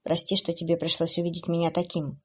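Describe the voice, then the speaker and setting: A woman voicing a weakened male demon who talks back bitterly and apologizes softly, read in her own voice for an audiobook. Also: medium pitch, fairly quick, natural voice.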